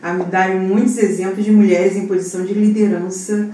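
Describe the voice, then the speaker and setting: A woman's voice: mid-range voice, level tone, fairly quick, mellow, slight background noise. A woman with a Brazilian Portuguese accent, an intensive care doctor who speaks emphatically in a podcast conversation. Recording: echoey room from far off.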